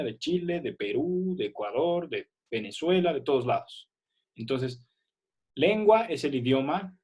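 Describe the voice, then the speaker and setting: A man's voice: mid-range voice, a little mellow, breathy edge. A man teaching a primary school class on a video call, patient and checking that students follow. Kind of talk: online class explanation.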